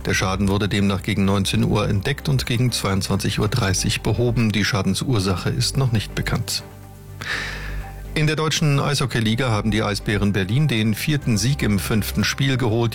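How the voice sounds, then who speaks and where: A man reading the radio news in a measured, formal way. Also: on the low side, soft background music. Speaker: newsreader.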